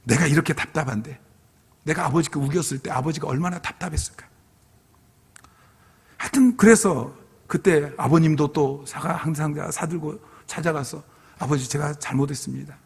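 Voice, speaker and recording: A man's voice: fairly high pitch, moderate pace, creaky, slightly rough. A middle-aged male pastor giving a revival sermon as a personal testimony, telling his story earnestly and acting out his own past pleas. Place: church sanctuary. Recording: long hall reverb.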